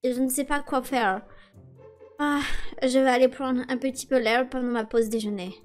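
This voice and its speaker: A woman's voice: high voice, fairly even intonation, normal speed, soft background music, close to an everyday voice. A woman playing an eager, naive foreign woman newly posted to an office, speaking with a put-on foreign accent in an earnest, chatty way. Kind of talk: amateur game role-play voice acting.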